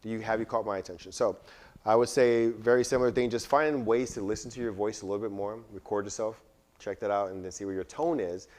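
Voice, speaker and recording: A man leading a pitch workshop, coaching students and often checking in with "right?". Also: fairly even intonation, quick pace, a little mellow. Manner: frequent "right?" check-ins, encouraging. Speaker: workshop instructor. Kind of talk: coaching feedback in class.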